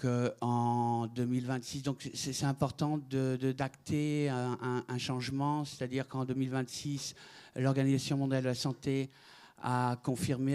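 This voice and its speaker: A man's voice: mid-range voice, darkish tone, clean tone. A middle-aged man from France giving a conference talk, hesitant, with many fillers and restarts. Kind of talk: conference presentation.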